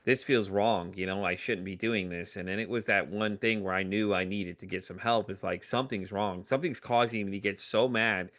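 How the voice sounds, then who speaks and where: A middle-aged man with a fairly low voice, speaking openly as a podcast guest. He tells his story in an animated way, full of fillers and little acted-out quotes of other people. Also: a little fast, hardly any pauses. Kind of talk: candid conversational storytelling.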